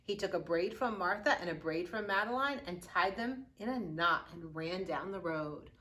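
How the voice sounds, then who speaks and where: A woman reading a children's picture book aloud with expressive, dramatic storytelling and drawn-out key words. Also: on the low side, rough recording. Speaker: youth services librarian reading aloud.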